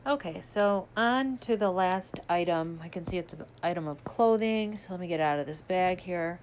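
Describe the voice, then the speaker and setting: A woman's voice: fairly low pitch, moderate pace, darkish tone, slight background noise. A woman chatting casually as she unboxes a subscription box, describing each item as she pulls it out. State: hiccuping. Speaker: unboxing vlogger.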